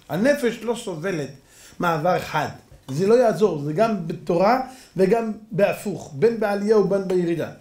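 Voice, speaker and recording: High-voiced, gravelly male rabbi, emphatic preacher, echoey hall. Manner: emphatic, rhetorical questions, acts out stories. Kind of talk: sermon.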